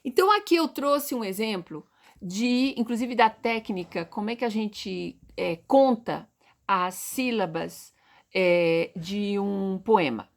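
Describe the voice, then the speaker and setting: A Brazilian woman teaching poetry in a lesson video, asking questions and answering them herself, sounding out example words slowly. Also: mid-range voice, lively intonation, vocal fry. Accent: Brazilian Portuguese. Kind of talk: explaining lesson to viewers.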